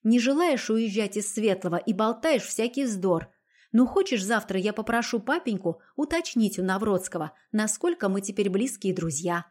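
A woman voicing a naive, childish young noblewoman in love, speaking in a higher, gushing, insistent way. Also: animated, normal speed, a little mellow, lightly acted. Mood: coaxing, petulant.

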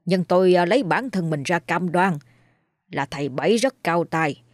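An old village man in a spoken ghost story talks in a sure, reassuring way, as a woman narrator voices him. The voice stays plain and dry, close to her own, at a middling pitch. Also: animated, normal speed, no room sound, natural voice. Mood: assured. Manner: assured, reassuring.

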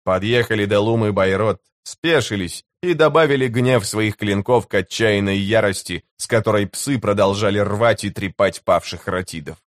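A man's voice: on the low side, moderate pace, few pauses, dry recording, studio quality. Man reading a fantasy audiobook. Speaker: narrator.

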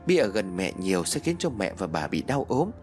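A man doing a calm Buddhist master. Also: sits low, fairly quick, faint music behind, voice pushed down. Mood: coaxing. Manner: soft, patient, persuasive. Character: calm older male Buddhist master, gently coaxing.

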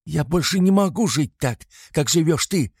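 Guy doing an angry young woman yelling at her man, high and shrill, dry close sound. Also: lively intonation, moderate pace, husky, dry recording. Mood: furious. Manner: shrill, shouting. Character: furious young woman fighting her partner.

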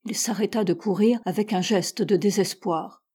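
Woman narrator for a classic mystery audiobook; measured and steady, husky voice. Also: mid-range voice. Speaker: audiobook reader. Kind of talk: literary narration.

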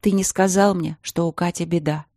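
Woman doing a young princess, jealous, impulsive, emotional, pleading, low-ish voice, dry sound. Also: steady tone, normal speed, dark tone, no echo, lightly acted. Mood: upset, clingy.

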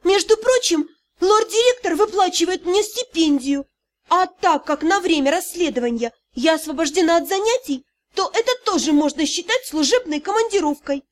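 A woman's voice: very high voice, animated, a little slow, pitched above the performer's own voice. A woman reading a flustered young woman student detective who answers back defensively and with irritation.

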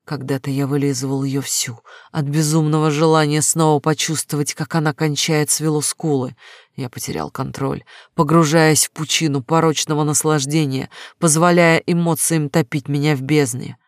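A man's voice: fairly high pitch, little pitch movement, normal speed, no echo, studio quality. A man giving a dramatic first-person narration of a novel, reading intensely and emotionally. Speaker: audiobook narrator.

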